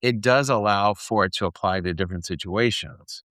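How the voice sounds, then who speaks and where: A man with a fairly low, fairly bright voice co-hosts a podcast at normal speed, captured dry. He's chatty and rambling, going on at length in a relaxed way and poking fun at himself.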